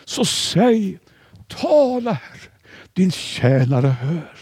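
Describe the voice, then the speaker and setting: Preacher doing old shaken priest, urgent and high-pitched, close dry mic. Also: male voice, very animated, darkish tone, husky, no echo, full character voice.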